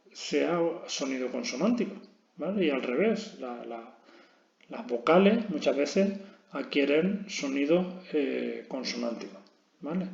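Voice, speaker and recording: A Spanish-accented man with a fairly high, creaky, somewhat dark voice teaches an English grammar lesson, walking through it step by step and frequently checking in with listeners. The audio is dull and lo-fi, recorded in an echoey room.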